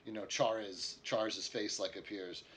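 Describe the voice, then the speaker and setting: A man's voice: lowish voice, steady tone, moderate pace, fairly bright tone, slight background noise. A man running a tabletop game as game master, narrating loosely with lots of fillers from an air-conditioned room. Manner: loose and rambling, many fillers.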